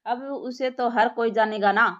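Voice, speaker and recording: A woman's voice: fairly high pitch, steady tone, a little slow, fairly bright tone. Woman playing a stern bossy policewoman. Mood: interrogating. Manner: bossy, scolding, interrogating. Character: stern tough young policewoman. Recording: lo-fi muffled recording.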